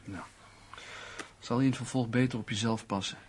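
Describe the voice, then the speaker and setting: In a radio play, an actor portrays a worried, sardonic man lecturing an amateur sleuth, emphatic and condescending, with a wry, pondering mood. His medium-pitched voice runs fairly quick with fairly even intonation, close to an everyday voice, and there's slight background noise.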